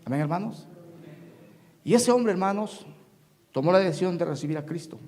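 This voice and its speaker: A woman's voice: fairly low pitch, expressive, normal speed, dark tone. A woman from Mexico, preaching a testimony sermon in a church, telling stories and calling the congregation "brothers" again and again. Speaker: guest preacher. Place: church sanctuary. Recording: reverberant church hall.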